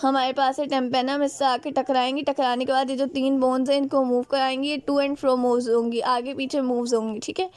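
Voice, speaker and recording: A high-voiced woman teaches biology with a Pakistani Urdu accent. She explains step by step, keeps asking questions and answering them herself, and switches into English terms. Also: little pitch movement, moderate pace, few pauses. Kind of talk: classroom biology lecture.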